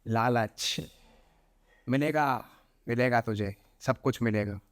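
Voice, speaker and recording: A man voicing a menacing female demon spirit who bargains greedily, speaking slowly and low. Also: close to an everyday voice. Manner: slow, low, threatening delivery.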